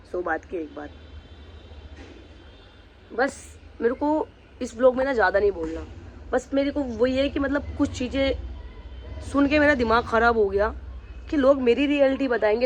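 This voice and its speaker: A man's voice: high voice, slight background noise. A man vlogging, angrily confronting someone directly and threatening to reveal the truth about them. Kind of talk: angry vlog rant.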